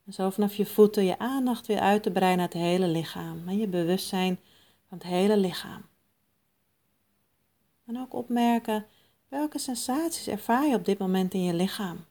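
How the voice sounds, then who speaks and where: A woman guiding a mindfulness meditation in a soft, calm, soothing manner with long pauses. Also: mid-range voice. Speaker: meditation guide.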